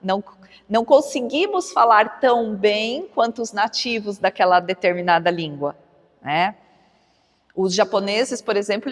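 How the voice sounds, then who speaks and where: Chatty woman lecturing in a hall. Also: fairly high pitch. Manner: chatty, frequent tag questions, laughs along. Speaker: spiritist lecturer. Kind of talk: informal lecture to an audience. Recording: long hall reverb.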